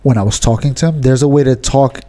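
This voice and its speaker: A man's voice: mid-range voice, fast talker, soft background music. A man in his thirties co-hosting a podcast, chatting casually and telling rambling stories. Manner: relaxed, rambling storytelling. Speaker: podcast co-host. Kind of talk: casual chat. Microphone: podcast studio mic.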